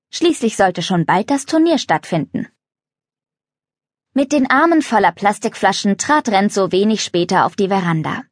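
A woman reading a children's audiobook aloud in a clear, lively storytelling manner, close to a studio microphone. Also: mid-range voice, no room sound. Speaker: audiobook narrator. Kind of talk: scripted narration of a children's audiobook.

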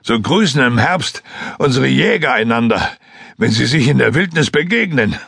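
A man voicing a gruff, blunt-talking male forest hunter. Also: medium pitch, animated, moderate pace, a bit bright, no room sound, studio quality, voice pushed up, exaggerated voice. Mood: wry. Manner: blunt, coarse-mouthed.

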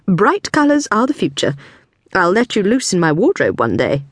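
A woman voicing a gushing, flamboyant female PR agent in an audiobook, with an effusive, theatrical, drawn-out delivery. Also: medium pitch, huge pitch swings, husky, no room sound, studio quality. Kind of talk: audiobook character voice.

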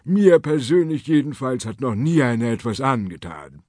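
A man voicing a weary, old-fashioned male vampire who speaks slowly and formally with a breathy tone in a storybook. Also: medium pitch, animated, warm tone, dry recording, lightly acted. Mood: polite weary. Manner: slow, formal and genteel. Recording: dry studio audiobook.

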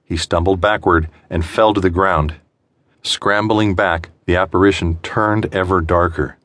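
This is a deep-voiced man narrating a suspense audiobook. He takes a deliberate, measured pace and adds dramatic pauses along the way.

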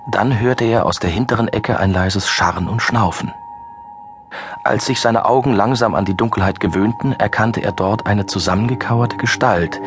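A man reading a thriller audiobook in a measured, suspenseful narration. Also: fairly low pitch. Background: music.

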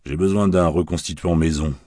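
A man's voice: sits low, fairly even intonation, brisk, warm tone, no echo, natural voice. A man voicing a world-weary, wisecracking male private detective with dry, sardonic talk.

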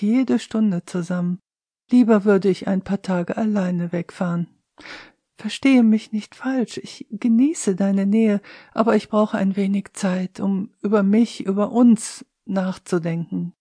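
A woman's voice: mid-range voice, mellow, dry recording. A woman reading the part of a wry, independent woman of nearly fifty in an audiobook. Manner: dry, evasive.

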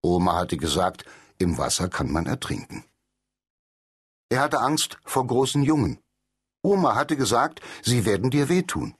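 Male audiobook narrator for kids' stories, unhurried, husky tone, lively pitch. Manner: animated storytelling with character voices. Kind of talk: children's storybook narration.

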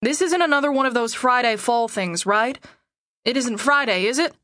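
A woman voicing a brash, excitable teenage boy who swears loudly, in an audiobook. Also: fairly high pitch, moderate pace, no room sound, studio quality, lightly acted. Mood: puzzled. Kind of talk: audiobook character voice.

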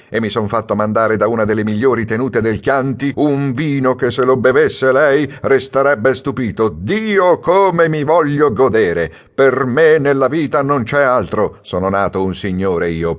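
A man's voice: medium pitch, animated, a little slow, few pauses, voice pushed up, lightly acted. A man reading an audiobook, voicing a boisterous, mocking bookseller with a strong, robust voice. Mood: gloating. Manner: loud, jeering, mock-serious.

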